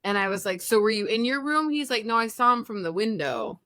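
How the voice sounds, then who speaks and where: A woman's voice: on the high side, brisk, no room sound, clean studio sound. A woman in her thirties co-hosting a podcast, telling a long story in casual chat and acting out the people in it. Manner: animated storyteller, acts out quotes. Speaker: podcast co-host.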